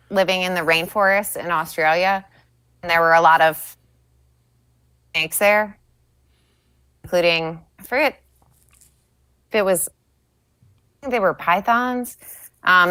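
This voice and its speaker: A woman's voice: mid-range voice, sharp tone, clean tone, dry recording. Young woman guest, casual storyteller, laughs often, dry close sound. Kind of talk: casual chat. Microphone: video call.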